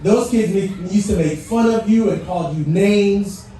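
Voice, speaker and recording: Here a middle-aged Haitian guest speaker, French by native tongue, talks a little slowly in a high-sitting, dark-toned voice. He motivates a live civic-event audience with questions and playful asides. Faint noise and heavy echo come from the large venue and distant mic.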